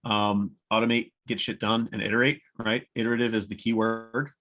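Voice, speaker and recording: A man giving a conference-style talk to business owners, blunt and energetic, with casual swearing and acted-out customer dialogue. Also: on the low side, brisk. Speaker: presenter. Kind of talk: conference talk replayed on a webinar.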